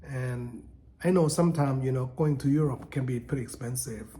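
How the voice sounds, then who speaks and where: A man in his fifties, from Thailand, talking casually and haltingly to camera from home about his coming retirement, with many fillers and restarts. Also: medium pitch, mellow, a little hiss or hum. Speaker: vlogger. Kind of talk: casual unscripted talk to camera.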